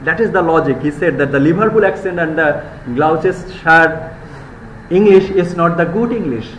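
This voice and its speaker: A male university lecturer with a Bangladeshi accent and a slightly high voice gives a live classroom lecture mixing Bengali and English. He rushes through rapid Bengali explanations but slows right down to read English quotations deliberately. The university classroom sounds echoey, with faint hiss underneath.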